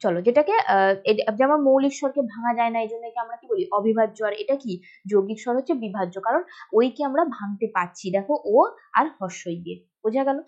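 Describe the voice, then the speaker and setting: A woman's voice: fairly high pitch, fast, darkish tone. A woman teacher with a Bengali accent, walking through exam answers step by step and often asking students whether they have understood. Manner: explains step by step, often checking with "ঠিক আছে?" and "বোঝা গেল?". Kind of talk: exam answer walkthrough lesson. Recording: dull lo-fi recording.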